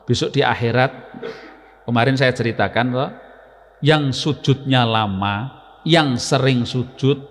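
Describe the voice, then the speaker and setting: A man's voice: mid-range voice, a little slow, pauses often, big-room sound. A man with a Javanese accent preaching a sermon to students, quizzing the audience and reciting Arabic verses. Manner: lively, asks the audience questions, mixes Arabic verses. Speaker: Islamic preacher.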